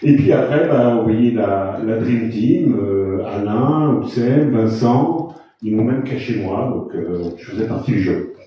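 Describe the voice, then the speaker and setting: A man hosting an awards ceremony, introducing the jury and building suspense in a halting, playful way. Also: lowish voice, expressive. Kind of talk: live ceremony announcing. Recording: echoey room from far off, dull sound.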